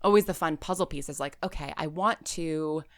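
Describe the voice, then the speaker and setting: An American woman, an audio drama writer and creator, talks casually as a podcast guest, telling stories and acting out her own thoughts. Her voice sits low and brisk, with clean studio sound and no room noise.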